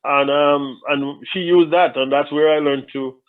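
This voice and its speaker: Heard over a tinny phone connection, a Jamaican man with a slightly high, steady voice answers interview questions unhurriedly. He's a thoughtful guest who often restarts his sentences and repeats words.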